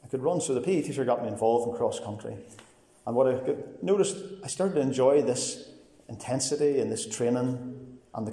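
A man in his forties with a Northern Irish accent, giving a personal testimony in a plain, earnest, halting way. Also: medium pitch, dark tone. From Northern Ireland. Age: 40s. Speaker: testifying church member. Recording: echoey hall with long reverb.

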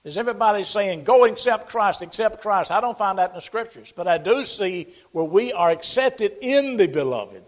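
High-voiced earnest preacher man. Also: lively intonation, moderate pace, hardly any pauses. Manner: folksy, earnest preaching with scripture quotes. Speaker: pastor. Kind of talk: sermon.

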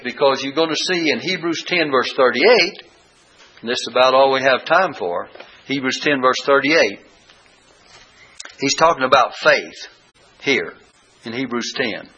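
Bright, husky-voiced man teaching scripture. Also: medium pitch, expressive, lo-fi sound. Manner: reads scripture aloud with deliberate emphasis. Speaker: Bible teacher. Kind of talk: Bible lesson sermon.

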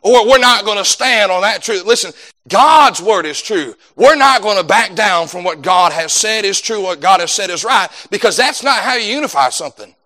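High bright-voiced preacher man. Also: lively intonation, moderate pace. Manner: preaching with rising emphatic bursts and laughter. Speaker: pastor. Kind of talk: sermon.

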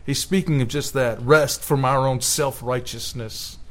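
A man's voice: medium pitch, fairly even intonation, measured pace. A man preaching a sermon in an earnest way, rising with emphasis when he quotes scripture. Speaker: pastor.

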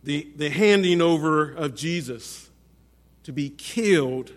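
A man's voice: a little high, takes it slowly, big-room sound. A man preaching a sermon in a church, speaking emphatically and repeating phrases for stress. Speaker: pastor.

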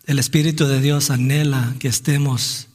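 Preaching in a church with long hall reverb, a man speaks earnestly and reflectively, often restarting phrases and asking a rhetorical "¿no?". His mid-range voice is flat and slightly rough, at normal speed.

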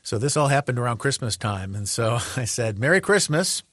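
A man's voice: medium pitch, brisk, no room sound. Man, pastor, radio sermon, sarcastic, dry wit, mid-range voice, dead-dry sound. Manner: reads quotes aloud.

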